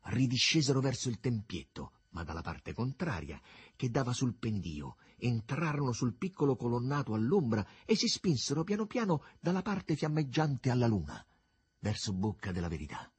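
A man narrating a literary novel with an expressive, swooping storytelling delivery. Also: mid-range voice, moderate pace, slightly rough.

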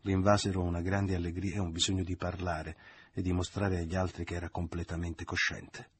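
A man reading a novel aloud in a measured, expressive storytelling voice. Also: low voice, slight background noise. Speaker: audiobook reader. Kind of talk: dramatic literary reading.

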